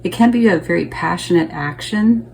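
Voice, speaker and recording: Low gravelly-voiced woman reading tarot. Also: expressive, moderate pace, a little mellow, a little hiss or hum, low-quality recording. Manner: chatty, thinks aloud, checks in with "okay?". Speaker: tarot reader. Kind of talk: casual tarot reading to viewers.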